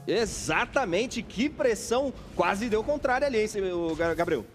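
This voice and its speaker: A man's voice: sits high, lively intonation, normal speed, faint music behind. A man with a Brazilian accent calling a live esports match as host and play-by-play commentator, with emphatic, dramatic calls.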